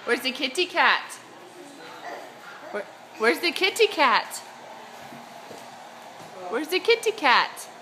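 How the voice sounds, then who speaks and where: Lady cooing baby talk, slow and swoopy, high bright voice. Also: big pitch swings, slight background noise, low-quality recording. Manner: sing-song, coaxing, repeats short questions. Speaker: caregiver talking to a baby.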